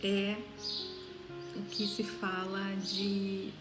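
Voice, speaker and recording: Slow-talking woman over loud music. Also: mid-range voice, completely flat delivery. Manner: unhurried, with frequent "né?" tags and pauses. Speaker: Reiki student giving a talk. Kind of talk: casual personal talk to camera. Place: small room indoors.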